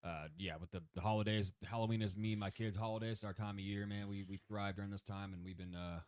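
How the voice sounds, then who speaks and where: A male sports co-host with a lowish voice, chatting casually. He is laid-back and slangy, recorded dry and close. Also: fairly even intonation, fast, darkish tone, clean tone, dry recording. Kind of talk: casual chat.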